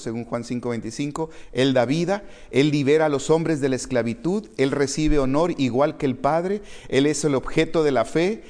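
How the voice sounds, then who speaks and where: A man preaching a sermon, reading scripture and swinging between loud emphasis and quiet, low quotes.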